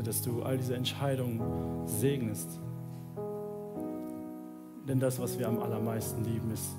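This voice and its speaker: Preaching earnestly to a large church, a man in his thirties alternates gentle, low stretches with raised, pleading ones before concluding with a prayer. The sermon is underscored by soft instrumental music.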